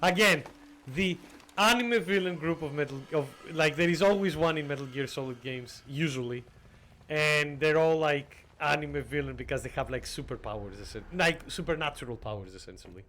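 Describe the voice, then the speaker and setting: A man livestreaming a video game with casual, jokey, halting commentary to his chat. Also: fairly high pitch, a bit bright, slight background noise. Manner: jokey, chatty, halting fillers.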